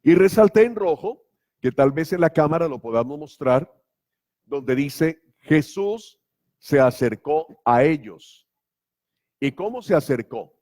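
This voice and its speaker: A man's voice: mid-range voice, a little mellow. A man preaching a sermon as pastor, emphatic and full of rhetorical questions. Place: church.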